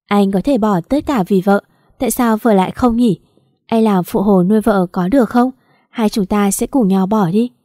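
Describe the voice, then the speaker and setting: Lady reading a stubborn young guy, defiant, mellow voice, dry sound. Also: mid-range voice, normal speed, no echo, close to an everyday voice. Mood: pleading. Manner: defiant, pleading. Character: stubborn, rebellious young man.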